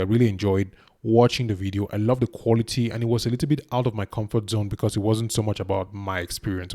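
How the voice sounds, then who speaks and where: Chatty man from Cameroon with a dark tone. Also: fairly low pitch. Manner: chatty, self-deprecating, talks to the viewer. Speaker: YouTube reaction host. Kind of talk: casual reaction commentary.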